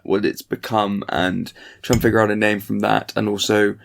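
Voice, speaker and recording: This podcast co-host speaks with a lowish, creaky voice and flat delivery at a moderate pace. He keeps the talk rambling, casual and dryly joking, recorded up in the attic of a family home.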